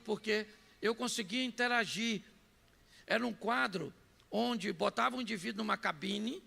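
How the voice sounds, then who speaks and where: Brazilian pastor with a gravelly, bright voice. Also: male voice, high voice, long reverb tail. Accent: Brazilian Portuguese. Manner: storytelling preacher who bursts into shouts. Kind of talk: sermon.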